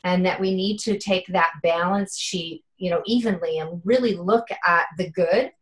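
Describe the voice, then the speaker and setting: A woman in her fifties, appearing as a guest in a casual interview, speaks earnestly and from the heart, sprinkling in lots of "you know." Her voice sits fairly low and moves at a normal speed, though the audio quality is poor.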